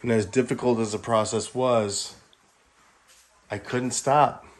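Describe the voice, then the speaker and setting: A middle-aged man from Los Angeles narrating a tour of the video store he built at home, in a relaxed, wry, matter-of-fact way. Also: medium pitch, slow pace, slight background noise. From Los Angeles, California.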